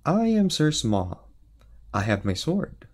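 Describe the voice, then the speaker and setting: A man voicing a tiny, brave young knight who speaks in loud, proud, slow declarations in a storybook reading. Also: on the high side, very animated, pitched above the performer's own voice, heavily acted.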